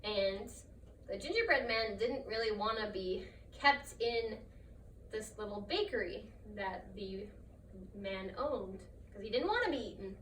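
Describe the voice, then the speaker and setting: A woman improvises a trickster folktale as its storyteller. Her voice is bright and on the high side. She sounds a little away from the mic, with faint noise behind her. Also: lively intonation, measured pace, reverberant, far from the mic, poor audio.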